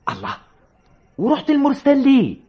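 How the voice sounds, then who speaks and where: An actor with an Egyptian accent playing a flustered, easily alarmed barber shop owner in an old radio comedy, exasperated and fussy. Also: male voice, wildly swooping pitch, fast, heavily acted. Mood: incredulous. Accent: Egyptian Arabic. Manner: exasperated and fussy, with wide pitch swings. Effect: old radio broadcast sound. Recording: dull lo-fi old radio recording.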